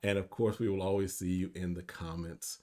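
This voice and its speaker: A middle-aged man co-hosting a casual recap show, laid-back and joking, with lots of drawn-out fillers. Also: sits low, steady tone, a little mellow. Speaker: podcast co-host. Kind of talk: casual chat.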